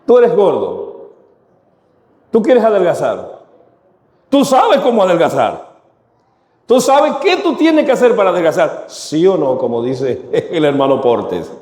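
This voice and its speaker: A man's voice: high voice, wildly swooping pitch, a little slow, darkish tone. A man preaching a sermon to his congregation, asking them rhetorical questions. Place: church. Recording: echoey church hall.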